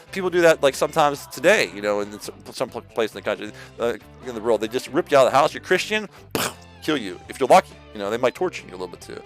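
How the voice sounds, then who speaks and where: Rambling animated male streamer preaching. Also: mid-range voice. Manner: rambling, full of "like" and repeated restarts; slangy, addresses listeners as "man". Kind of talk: casual off-the-cuff preaching.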